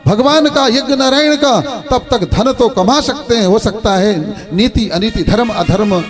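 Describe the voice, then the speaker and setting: A man's voice: very high voice, a little slow, music in the background. A male spiritual teacher giving a storytelling sermon, preaching in a sing-song way and putting rhetorical questions to his listeners.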